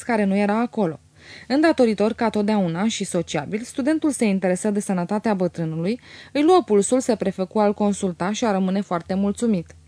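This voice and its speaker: A woman reads a classic novel aloud in a measured, expressive voice at an average pitch. The recording is dry and close, with no room sound around her. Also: no echo. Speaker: audiobook narrator. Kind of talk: literary audiobook reading.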